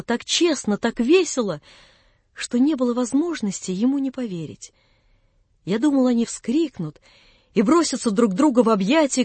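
Audiobook reader: woman, calm measured narration, breathy, dry close sound. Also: fairly high pitch, no echo. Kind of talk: scripted narration of a classic novel.

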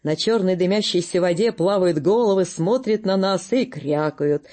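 A narrator reading a literary story aloud at an unhurried, storytelling pace. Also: mid-range voice, darkish tone.

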